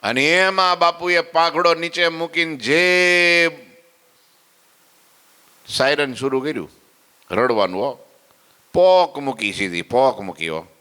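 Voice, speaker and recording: Male, devotional storyteller, bright tone, long hall echo. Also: a little high, slow, long pauses, clear, resonant tone. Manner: animated storyteller, voicing characters and questioning listeners. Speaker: katha preacher.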